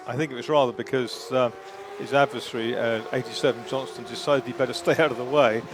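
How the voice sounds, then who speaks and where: A man's voice: medium pitch, steady tone, fast. A man giving analytical motorsport commentary in a discursive way, hesitating as he chooses his words. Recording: clear background noise.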